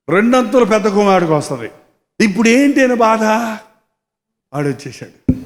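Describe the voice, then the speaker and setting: A man pastor preaches with animated storytelling and keeps throwing rhetorical questions at his listeners. His voice sits high for a man. A long reverb from the large hall hangs behind him. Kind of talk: Telugu sermon.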